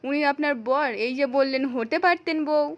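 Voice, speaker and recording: Blustering, confused male cop from a TV serial, blunt and scolding, high-voiced, as a woman reads him. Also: fairly even intonation, a little fast, lo-fi sound, natural voice.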